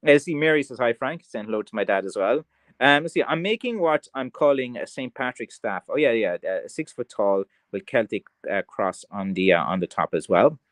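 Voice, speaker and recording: A craftsman from County Kerry, Ireland, who sells blackthorn sticks, chats casually on a livestream, answering comments in a rambling, tongue-in-cheek way. He has a mild west of Ireland Kerry accent and a lowish voice, recorded with no room sound.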